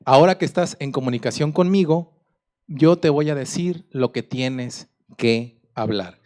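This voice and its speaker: Man voicing God, calm and reassuring. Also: medium pitch, a little slow, voice pushed down, natural voice. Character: God, calm reassuring male deity speaking.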